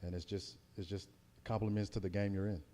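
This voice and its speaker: A man's voice: sits low, level tone, fairly quick, dark tone, in a large hall. An American man, a heavyweight boxer, giving a casual pre-fight interview in a hesitant, circling way. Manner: hesitant, circling, repeats words.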